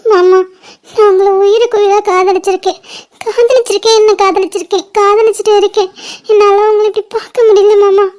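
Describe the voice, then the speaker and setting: A woman's voice: extremely high pitch, little pitch movement, brisk, darkish tone. A woman voicing a tearful, lovesick young woman in a homemade cartoon, pleading and weepy.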